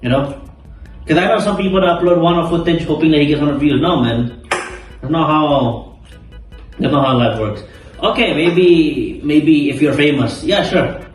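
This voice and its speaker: A young man, a content creator, chatting casually and emphatically, repeating his words and swearing freely. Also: on the high side. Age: young adult. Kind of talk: casual chat during a mukbang. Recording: echoey room, distant mic, background music.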